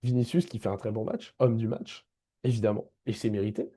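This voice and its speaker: A man's voice: lowish voice, steady tone, a little fast, warm tone. A man giving a casual football match debrief as a vlogger, emphatic, repeating his key points and addressing viewers directly.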